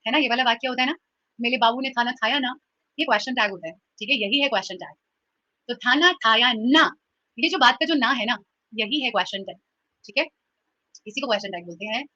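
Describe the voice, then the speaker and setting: A young adult woman teaching an online grammar class, lively and teasing, switching between Hindi and English. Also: a little high, no echo. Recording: dull lo-fi sound.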